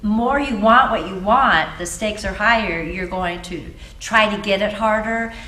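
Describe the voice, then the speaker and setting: A woman's voice: mid-range voice, unhurried, bright, forceful tone. A woman drama teacher giving encouraging, coaching feedback to acting students. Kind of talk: spoken class critique. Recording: roomy echo, clear background noise.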